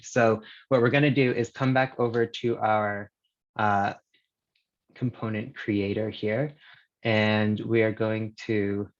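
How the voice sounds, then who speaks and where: A man walks through a software demo over a video call, his voice rough and gravelly and sitting fairly low. It reaches us as a screen recording with muffled, lo-fi call audio. He talks casually and haltingly, leaning on fillers as he goes. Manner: casual, hesitant, many fillers. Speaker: engineer presenting a demo.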